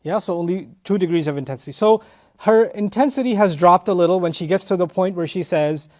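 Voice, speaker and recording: A man giving a tafsir lecture, explaining Arabic grammar with animated rises in emphasis, on a lapel mic. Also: high voice, a little fast. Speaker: Quran teacher.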